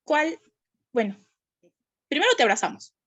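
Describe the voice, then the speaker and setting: Woman facilitator, high voice, reassuring and quick. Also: big pitch swings. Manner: warm, reassuring, quick asides. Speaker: group facilitator. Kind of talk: supportive group discussion.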